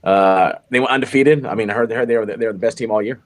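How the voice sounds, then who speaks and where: A football coach co-hosts a casual live podcast, speaking fast in a lowish voice. He rambles, repeats himself, and leans heavily on fillers.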